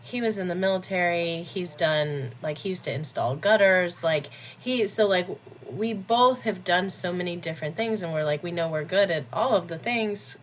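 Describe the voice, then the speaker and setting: A woman's voice: on the low side, moderate pace, hardly any pauses, a little hiss or hum. A woman in a casual interview, blunt and joking, laughing often as she talks about running her own business. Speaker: podcast guest, business owner.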